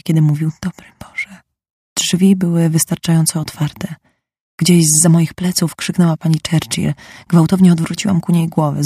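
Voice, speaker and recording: A woman giving an unhurried, hushed first-person reading of a literary story. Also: sits low, slightly rough, dry recording, clean studio sound. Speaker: audiobook narrator. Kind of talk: scripted first-person narration.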